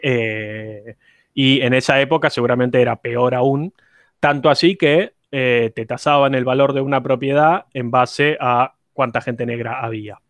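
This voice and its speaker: A man's voice: medium pitch, steady tone, measured pace, dry recording. A man teaching an online university class, explaining step by step and putting questions to his students. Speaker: university lecturer.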